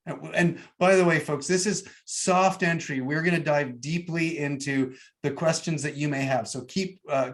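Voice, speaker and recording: A male host with a slightly high voice runs a webinar interview. He talks in a friendly, brisk way, moves the guest along with questions, and turns to address the audience directly.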